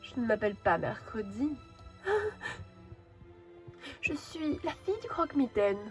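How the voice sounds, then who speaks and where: A spooky ghost girl, the bogeyman's daughter, as a woman voices her, mocking and eerily calm. Her voice is fairly high for a fan-made voice drama, with faint music underneath. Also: measured pace. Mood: eerie.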